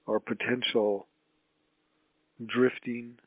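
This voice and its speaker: A man leading a guided healing meditation as a spiritual channel, in a solemn, mystical healer manner with drawn-out, halting phrases. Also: mid-range voice, flat delivery. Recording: roomy, tinny phone-like line.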